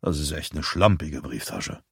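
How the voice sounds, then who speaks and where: A man voicing a soft-spoken, menacing male robber who talks quietly and smoothly. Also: a bass voice, animated, normal speed, no echo, clean studio sound, voice pushed down, full character voice. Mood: silky menace. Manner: quiet, silky, threatening.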